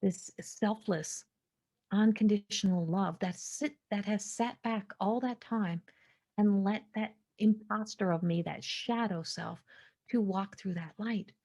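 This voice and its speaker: A podcast host in her forties, medium in pitch, delivers a slow, reflective spiritual monologue that now and then sinks to a hushed whisper.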